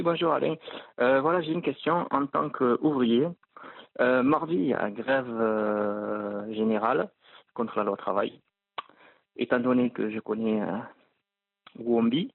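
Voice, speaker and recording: A man calling in and leaving a voicemail message, talking hesitantly with many pauses and fillers. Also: mid-range voice, gravelly, no room sound. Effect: leaving a voicemail over the phone. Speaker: caller. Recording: tinny phone line, dry.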